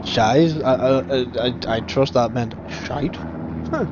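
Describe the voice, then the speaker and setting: A man with a medium-pitched voice speaks slowly over a very noisy, muffled game stream, tossing out casual, jokey commentary while swearing freely and laughing often. Loud gunfire, artillery and vehicle sounds from the game fill the background.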